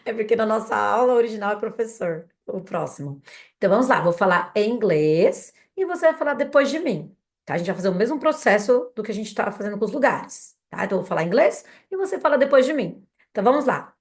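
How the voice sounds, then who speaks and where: This is a language drill led by a young woman with a Brazilian Portuguese accent, whose mid-range voice is animated. She names English vocabulary words slowly and patiently, asking learners to repeat each after her.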